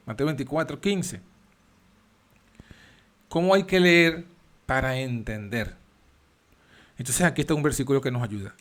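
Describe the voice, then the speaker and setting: Male Bible teacher, mid-pitched voice, reads verses then explains. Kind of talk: Bible study teaching with scripture reading.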